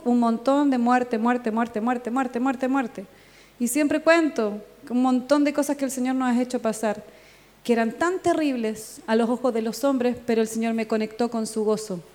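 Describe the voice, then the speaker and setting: A Chilean woman pastor delivers her sermon in a somewhat high voice, animated and full of quoted dialogue. The sound carries a long reverb from a church hall. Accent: Chilean Spanish. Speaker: pastor and worship leader.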